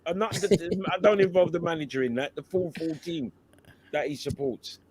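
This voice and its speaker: A man co-hosting a football chat, cheeky and full of banter, shouting out viewers. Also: a little high, steady tone, moderate pace, a crowd in the background. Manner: cheeky, bantering, reads out comments. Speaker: co-host.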